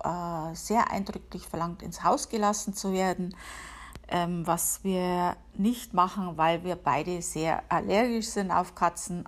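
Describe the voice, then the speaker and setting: A woman from the Upper Palatinate, hosting her own podcast from home in a chatty, self-ironic way. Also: lowish voice. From Upper Palatinate, Bavaria, Germany. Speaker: podcast host. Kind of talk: casual solo podcast monologue. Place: home, working from home.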